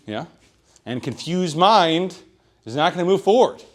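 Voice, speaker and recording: Male sales coach, fairly high voice, loud and pushy, tag questions throughout. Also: animated, unhurried. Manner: projects loudly, keeps asking "right?". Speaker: sales trainer. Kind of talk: sales meeting training talk. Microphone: room microphone.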